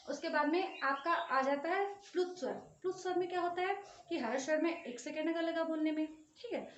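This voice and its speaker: A woman's voice: high-pitched, muffled recording, a little hiss or hum. A woman teaching a Hindi grammar lesson for exam prep. She says sounds aloud and draws out the long ones, checking in often with students. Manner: drills vowel sounds aloud, stretching long ones, with frequent "ठीक है" check-ins. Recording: echoey room, voice a bit far from the mic.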